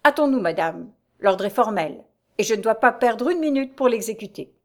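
A woman's voice: on the high side, lively intonation, moderate pace, a little mellow. A woman voicing a jaded male police officer who speaks dryly and curtly. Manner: dry, curt.

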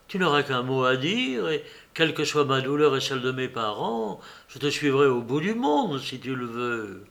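A man's voice: medium pitch, big pitch swings, normal speed, vocal fry, fairly bright tone. A man voicing a devoted, frightened young woman engaged to be married in an audiobook, with earnest, imploring delivery.

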